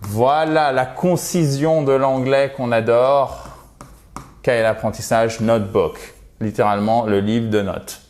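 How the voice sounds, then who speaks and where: A man gives an English lesson in in a chatty, lively way. His voice sits at an average pitch for a man, and he slows right down to sound out English words for his learners. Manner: lively teacher, spells out English words slowly for pronunciation. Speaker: English teacher. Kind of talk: video lesson.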